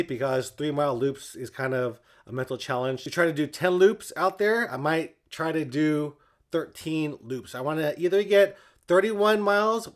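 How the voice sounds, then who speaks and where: A man chatting casually to his viewers as a running vlogger. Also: a little high. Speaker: running vlogger and channel host.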